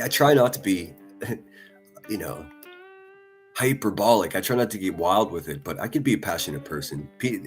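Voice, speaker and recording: A man on a casual live stream reading viewer comments, blunt and profane, talking passionately and often restarting his sentences. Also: fairly low pitch. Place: at a desk in front of a laptop.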